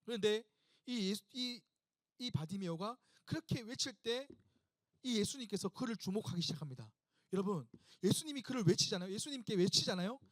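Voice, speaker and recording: A male pastor with a notably high voice preaches to a young congregation. He tells the story with emphatic repetition and turns again and again to the listeners with questions. The sound is dry and close. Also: expressive, brisk, no room sound. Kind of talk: sermon to a young adults' service.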